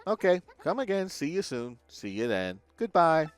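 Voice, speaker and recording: A man's voice: on the high side, sing-song, normal speed, clear, resonant tone, faint music behind, voice pushed up. A man voicing a cheery, mystical female fortune-teller shopkeeper from a video game, reciting rhymes in a sing-song way. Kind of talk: video game dialogue read aloud.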